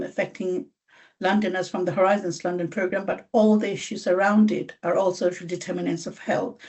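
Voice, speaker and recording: A woman's voice: fairly low pitch, a little mellow. A woman from Bangladesh presenting her organisation's work at a meeting over a video call. She speaks with many fillers and restarts. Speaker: charity staff presenter.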